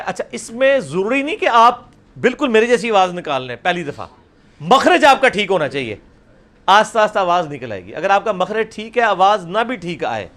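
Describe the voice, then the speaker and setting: Religious teacher, man, fairly high voice, repeats letters loudly and firmly. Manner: drills letters by repeating them loudly, mixing Punjabi into Urdu. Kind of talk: live Quranic pronunciation class.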